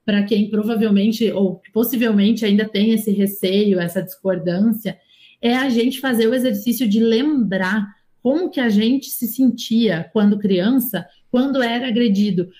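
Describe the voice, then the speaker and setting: Woman on a call, mom of little kids, talks calm and thoughtful, kinda high voice. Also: measured pace. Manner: calm, reflective, explains at length. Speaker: guest, mother of young children. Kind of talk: casual conversation on parenting.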